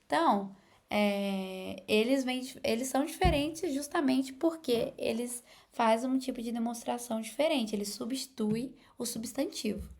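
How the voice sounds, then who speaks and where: A woman's voice: on the high side, moderate pace, darkish tone. Brazilian woman teaching English, hesitant. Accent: Brazilian Portuguese. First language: Portuguese. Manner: hesitant, many fillers and restarts. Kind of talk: casual online lesson.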